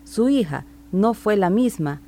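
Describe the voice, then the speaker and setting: A woman reporter reading a measured, formal news narration. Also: mid-range voice, animated, mellow.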